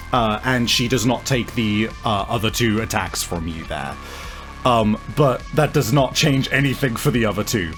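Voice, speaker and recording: His mid-range voice has a fairly bright tone as he improvises narration as a tabletop game master. Thinking out loud in a halting way, he walks through the action and the rules.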